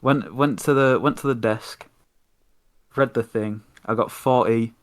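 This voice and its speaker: A man's voice: mid-range voice, fairly even intonation, a little slow. A young man hosting a podcast, telling an exasperated, sweary story in casual chat. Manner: sweary, exasperated ranting anecdote. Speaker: podcast host.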